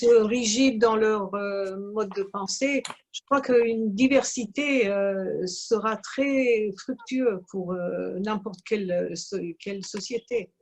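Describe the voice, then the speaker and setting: A woman talks very slowly on a video call, stopping often on fillers as she gathers her thoughts. Her voice is mid-pitched, with a faint hiss of background noise behind it. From Franco-Belgian and Iranian. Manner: slow, halting, many fillers. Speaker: business owner, meeting participant. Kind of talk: online meeting discussion.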